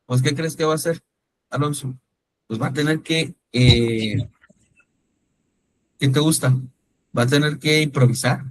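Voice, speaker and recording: This male instructor gives a conversational, online-style lecture, naming students as he questions them and repeatedly asking "¿sí me explico?" to confirm understanding. He speaks unhurriedly with long pauses, in a fairly high pitch, and the recording quality is low.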